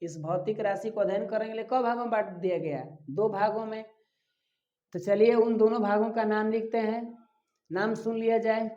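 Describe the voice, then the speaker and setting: A man's voice: high voice, steady tone, normal speed, warm tone. A male physics teacher, giving a classroom-style lecture and asking questions he then answers himself while repeating key terms. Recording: echoey room, dull lo-fi sound.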